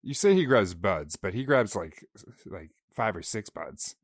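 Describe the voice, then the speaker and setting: Very deep-voiced man, jokey co-host. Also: very animated, a little slow, no room sound, studio quality. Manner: jokey, firmly corrects his co-host. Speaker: podcast co-host. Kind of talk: casual book discussion podcast.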